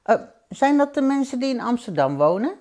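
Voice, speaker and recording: A woman doing an eager little boy. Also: fairly quick. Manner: eager, high-pitched and lively.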